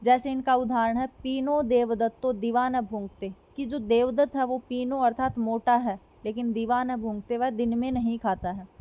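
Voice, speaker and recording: A woman teacher giving an explanatory lecture, asking questions and answering them herself, repeating examples slowly. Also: on the high side, steady tone, mellow. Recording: dull lo-fi recording.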